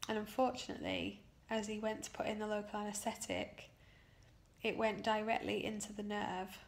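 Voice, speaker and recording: Weary, creaky-voiced British woman after surgery. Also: mid-range voice, little pitch movement. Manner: halting, emotional, emphatic on key words. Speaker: patient recounting her own surgery. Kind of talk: personal video diary, recounting an experience.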